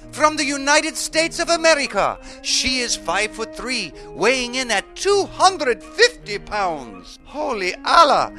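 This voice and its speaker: A man's voice: very high-pitched, bright, forceful tone, heavily acted. A man playing a gushing, over-polite Afghan game show announcer in a comedy sketch.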